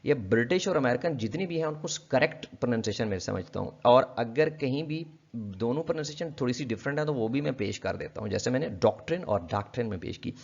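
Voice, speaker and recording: A man giving a casual pronunciation lesson, repeating each word slowly and addressing viewers politely. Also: mid-range voice, slightly rough. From Pakistan. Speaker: English pronunciation teacher. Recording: dull lo-fi audio.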